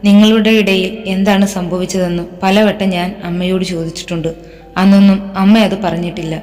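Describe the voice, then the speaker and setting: Woman reading as a gentle young woman. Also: mid-range voice, little pitch movement, fairly quick, natural voice. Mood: calm. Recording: reverberant with background music.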